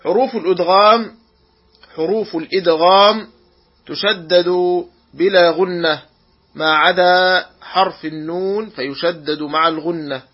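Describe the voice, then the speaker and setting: A man teaching Quran recitation rules, drawing out each example word slowly and deliberately. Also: high voice, steady tone, muffled recording. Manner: slow, deliberate, drawn-out example words. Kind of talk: tajweed lesson.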